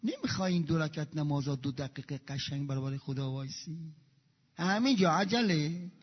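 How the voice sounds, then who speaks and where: A man preaching a sermon, moving between quiet recitation of prayers and loud, fervent exhortation. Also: expressive, breathy edge. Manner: swings from hushed recitation to loud, high-pitched exhortation. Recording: dull echoey hall recording.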